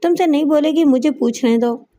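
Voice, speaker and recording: A woman voicing a suspicious, sharp-tongued middle-aged mother who scolds and threatens in an audiobook story. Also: sits high, normal speed, lightly acted. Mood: scolding. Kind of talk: audiobook character voice.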